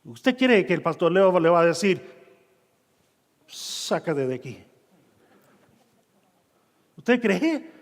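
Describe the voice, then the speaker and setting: A man preaching a sermon, telling a personal story and acting out his own shouts and dialogue, in a church hall. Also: high-pitched, expressive, moderate pace. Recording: long reverb of a church hall.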